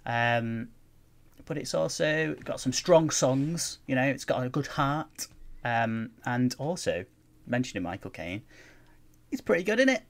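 A man's voice: mid-range voice, sing-song, unhurried. A man co-hosting a podcast in casual chat. His voice sits mid-range, and he rambles along, breaking into laughter often. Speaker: podcast co-host.

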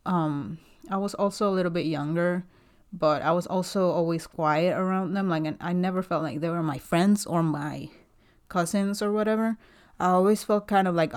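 Woman, 30s, from Guatemala, solo podcaster; low-pitched, soft-spoken, hesitant with lots of ums. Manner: soft-spoken, hesitant, many fillers and restarts. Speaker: podcast host. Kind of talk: casual solo podcast monologue.

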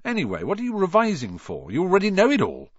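A man's voice: sits high, wildly swooping pitch, fast talker, husky, no room sound, voice pushed up, full character voice. A man voicing a lazy, blunt schoolboy who blurts things out, in a dull, dry recording. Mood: blurting. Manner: blurting, exclamatory.

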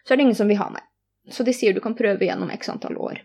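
A woman's voice: mid-range voice, gravelly, warm tone, breathy edge. A young woman telling a personal story in conversation, earnest and candid, retelling each exchange in detail.

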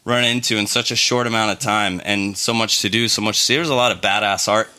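A man's voice: fairly low pitch, steady tone, quick pace, sharp tone. A man co-hosting a casual podcast, telling stories in a laid-back way with lots of fillers and restarts. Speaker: podcast co-host. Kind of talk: casual chat.

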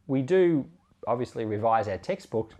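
A pastor who hosts a Bible podcast gives an informal commentary in a mid-range male voice with a dark tone and lively intonation. He speaks at a normal pace, conversational and emphatic, using examples to explain his points.

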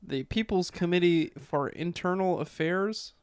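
A fairly high-pitched man co-hosting a relaxed podcast chat. He chimes in with brief, joking comebacks and quick questions. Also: clear, resonant tone. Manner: quick quips, playful interjections. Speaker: podcast co-host.

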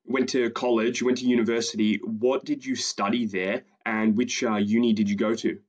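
A man hosting a combat sports podcast, asking questions in a slow, measured way. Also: mid-range voice, flat delivery, muffled recording. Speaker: podcast host. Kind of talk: casual interview.

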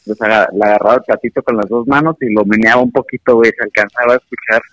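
A young man with a Mexican accent comes through on a live phone call, relaxed and full of slang. His voice sits fairly low and sounds close and dry, with no room around it. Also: fast talker, no echo. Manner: laid-back and slangy. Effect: heard over a phone call. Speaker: friend called live on the phone. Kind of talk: casual chat.

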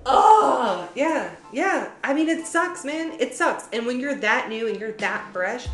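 A young woman co-hosting a casual podcast, her pitch sits a little high and swings widely as she tells a story with plenty of swearing. The room has a noticeable echo, and faint music plays in the background. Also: measured pace. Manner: profane, animated storytelling with frequent laughter. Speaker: podcast co-host. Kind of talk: casual chat.

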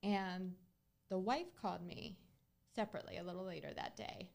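A woman's voice: on the low side, normal speed, vocal fry, darkish tone. A woman hosting a podcast, talking casually and earnestly as she tells a client story. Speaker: podcast host, real estate agent.

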